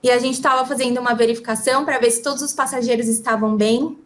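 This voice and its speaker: A woman's voice: fairly high pitch, fairly even intonation. A woman with a Brazilian Portuguese accent interpreting a speaker phrase by phrase. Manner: quick, relaying phrase by phrase. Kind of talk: consecutive interpreting.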